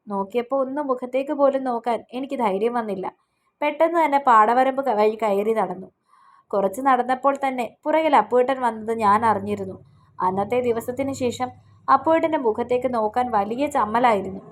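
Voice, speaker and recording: A woman reading a first-person romance story aloud in an earnest, emotional way. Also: on the high side.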